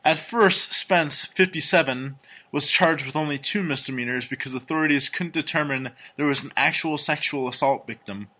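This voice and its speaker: A man co-hosting a casual comedy podcast, reading strange news stories and personal ads aloud with crude, deadpan jokes. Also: a little high, normal speed. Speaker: podcast co-host.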